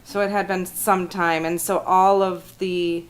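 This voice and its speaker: A woman's voice: on the low side, flat delivery, measured pace. A woman on staff explaining things informally at a public meeting. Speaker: staff member reporting to a commission. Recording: faint background noise in meeting.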